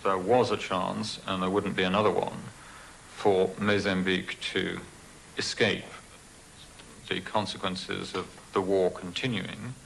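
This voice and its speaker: A former official recalling events in a measured interview. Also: male voice, sits low, little pitch movement, creaky, fairly bright tone, slight background noise, poor audio. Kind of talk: interview recollection.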